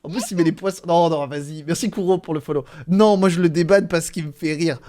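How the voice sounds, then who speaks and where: Streamer guy w a slightly high voice, chill, swears a lot, laughs at chat. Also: brisk. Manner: relaxed, swears, laughs often, talks to chat. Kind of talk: casual live-stream chat reading.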